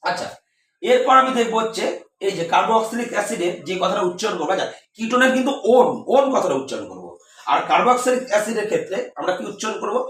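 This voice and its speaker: A man's voice: sits high, sing-song, racing, a bit bright, a little hiss or hum. A man teaching a chemistry lesson, who asks questions and answers them himself and repeats key words. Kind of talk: classroom lesson at a board. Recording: echoey room, voice from far off.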